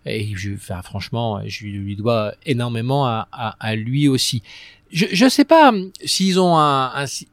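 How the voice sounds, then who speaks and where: A man speaking as a guest in a relaxed interview, his voice sitting in a middle register. He hesitates often, repeating small words before pushing his thought through. The sound is dry and close, with no room around it. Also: mid-range voice, measured pace, no echo. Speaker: guest, business executive. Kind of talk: conversational interview.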